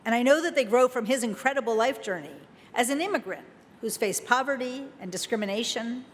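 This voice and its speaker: Enthusiastic woman introducing a speaker. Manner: enthusiastic, formal. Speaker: event host introducing the speaker. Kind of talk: prepared introduction. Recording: reverberant hall, faint rumble.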